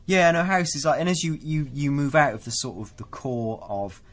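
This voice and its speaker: A man's voice: a little high, expressive, brisk. A man co-hosting a casual podcast, describing things enthusiastically with lots of fillers. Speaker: co-host.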